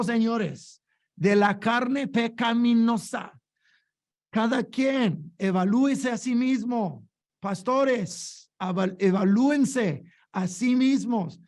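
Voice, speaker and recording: A man's voice: extremely high pitch, darkish tone. A man preaching a sermon, emphatic and full of rhetorical questions, often repeating his words.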